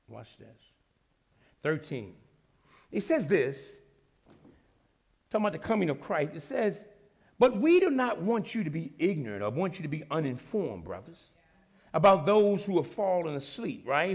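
A preacher in a church sanctuary, with a high, gravelly male voice. His delivery is very lively, swinging from shouts to near-whispers as he calls out to the congregation. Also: a little slow, pauses often. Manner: call-and-response preaching, shouting at peaks then dropping low. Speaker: pastor. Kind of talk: sermon.

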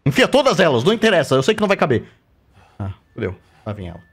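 A man with a Brazilian Portuguese accent doing let's play commentary, jumpy and swearing, with bursts of squeaky baby talk. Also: wildly swooping pitch, quick pace, a bit bright, breathy edge. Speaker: gameplay streamer.

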